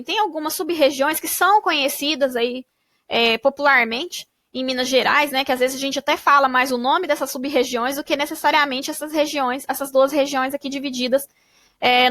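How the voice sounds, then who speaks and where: High, bright-voiced woman teacher. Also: steady tone, dry recording, studio quality. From Brazil. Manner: slow, syllable-by-syllable reading. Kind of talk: spelling out syllables for young pupils.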